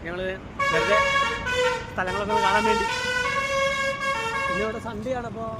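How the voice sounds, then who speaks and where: High-voiced Kerala man vlogging over street noise. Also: moderate pace. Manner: Malayalam mixed with English words. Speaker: vlogger and mimicry performer. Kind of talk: casual travel vlog chat. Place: outdoors on a city street. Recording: loud outdoor street traffic noise.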